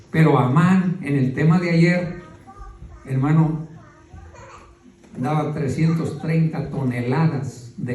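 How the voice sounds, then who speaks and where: A man's voice: on the high side, warm tone. A man, a pastor preaching a folksy sermon to his congregation, calling them brother. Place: church hall. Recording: echoey church from far off.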